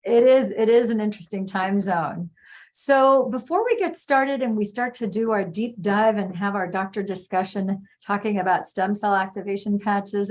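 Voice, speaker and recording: A woman's voice: medium pitch, darkish tone. A woman hosting a live online interview, chatty and upbeat. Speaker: host. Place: home in California.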